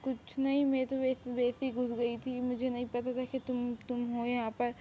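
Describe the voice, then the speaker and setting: A woman's voice: on the high side, monotone, moderate pace, close to an everyday voice. A woman voicing a timid young girl who pleads and apologizes in a fan audio drama. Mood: apologetic. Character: innocent young girl, kidnapped, timid and sulky. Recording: tinny phone-like recording, faint hiss.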